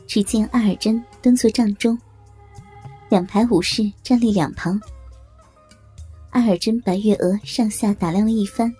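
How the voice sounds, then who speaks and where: A woman storyteller narrating a historical tale in a steady, even-paced reading. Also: mid-range voice, unhurried, pauses often, breathy edge, soft background music.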